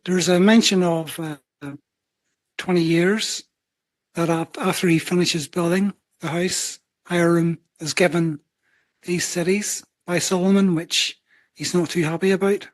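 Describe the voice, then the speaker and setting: A man's voice: high-pitched, fairly even intonation, measured pace, no room sound. A man taking part in a Bible study discussion, offering tentative, hedged observations.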